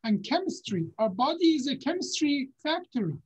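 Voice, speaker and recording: A man, a neurosurgeon giving unhurried, halting career advice over a video call from a home office. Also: very high-pitched, very animated. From Iran. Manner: unhurried, halting, with many fillers and restarts. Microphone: video call webcam. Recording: dull, lo-fi video call audio.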